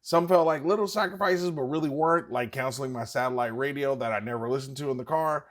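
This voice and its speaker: A man's voice: mid-range voice, quick pace. A man hosting an investing channel, talking straight to his viewers in an emphatic, urging way and repeating points for stress. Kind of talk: scripted direct-to-camera commentary.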